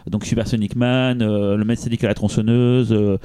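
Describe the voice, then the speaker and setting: A man's voice: fairly low pitch, steady tone, brisk, dark tone, clear, resonant tone, no room sound. A man co-hosting a podcast, presenting a film in casual chat with frequent restarts and hesitations. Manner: rambling, many restarts and hesitations.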